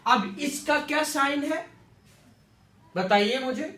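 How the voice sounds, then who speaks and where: A man's voice: very high voice, takes it slowly, bright, forceful tone. A man teaching a classroom lecture, repeating words and quizzing students with questions. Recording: echoey room, distant mic.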